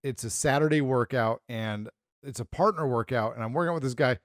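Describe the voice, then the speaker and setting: A man's voice: medium pitch, brisk, no room sound, clean studio sound. A middle-aged man co-hosting a podcast, telling rambling stories in casual chat and acting out the people in them. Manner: rambling storyteller, animated retellings. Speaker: podcast co-host.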